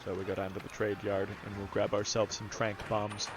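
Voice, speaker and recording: Over game music, a gameplay commentator thinks out loud and walks through the mechanics in a relaxed let's-play. He speaks briskly in a lowish, monotone voice.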